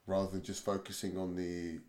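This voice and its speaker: A man's voice: low-pitched, monotone, a little fast, a little mellow. A man hosting a casual podcast chat, rambling and hesitant with many fillers and restarts. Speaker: podcast host.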